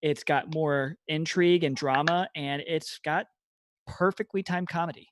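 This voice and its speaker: A man co-hosting a casual podcast debate, enthusiastic and animated as he argues his pick. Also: a little high, moderate pace, a little hiss or hum. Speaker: podcast co-host.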